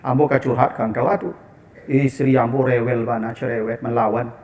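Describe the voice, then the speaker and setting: A man with a Minangkabau accent voicing a weary male companion who complains about his nagging wife, in a low, confiding grumble. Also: steady tone, moderate pace, a little mellow, muffled recording, natural voice. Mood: complaining.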